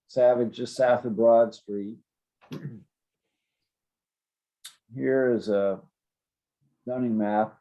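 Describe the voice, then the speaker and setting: A man's voice: medium pitch, mellow, low-quality recording. A man giving an informal, explanatory presentation as city zoning staff, plain-spoken and a little hesitant.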